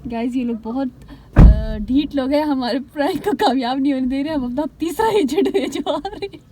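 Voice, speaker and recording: Chatty high-voiced young woman vlogger. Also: normal speed, dark tone, a little hiss or hum, low-quality recording. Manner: playful, chatty, addresses viewers as guys. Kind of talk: casual vlog chat to camera.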